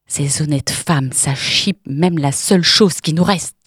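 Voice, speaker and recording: Woman putting on a harsh, loud jealous woman. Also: deep voice, measured pace, breathy edge, no room sound, studio quality, exaggerated voice. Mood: mocking. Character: coarse jealous young woman, mocking and hostile. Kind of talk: audiobook reading.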